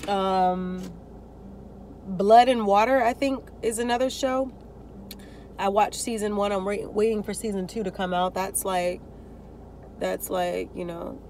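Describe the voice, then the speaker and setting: A woman's voice: mid-range voice, darkish tone, a little hiss or hum. A young woman chatting casually to a phone camera on the dashboard while sitting in a parked car, rambling and upbeat. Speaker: vlogger. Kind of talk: casual vlog talk to camera. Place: parked car, indoors of vehicle.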